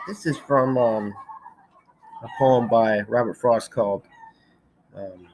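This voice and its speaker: A woman's voice: very deep voice, slow pace, dark tone, poor audio. A woman teacher giving a recorded slideshow lecture in a chatty manner, checking in often with "okay".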